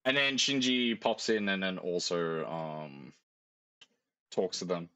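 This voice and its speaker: A man's voice: low-pitched, animated, slow, bright, forceful tone, clean tone, dry recording. A man hosting a podcast in casual chat, giving a laid-back recap and agreeing often. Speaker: podcast host.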